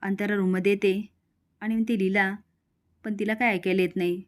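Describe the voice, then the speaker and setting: A woman narrating a storytelling recap of a TV serial episode, reading the characters' lines in her own plain, quick voice. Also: medium pitch, fairly even intonation.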